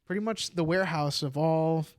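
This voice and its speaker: A man's voice: a little high, normal speed, dry recording, studio quality. A man guesting on a movie podcast, talking enthusiastically and filling his sentences with "like" and "yeah". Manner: enthusiastic, heavy use of "like" and "yeah". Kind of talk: casual movie review chat. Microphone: podcast microphone.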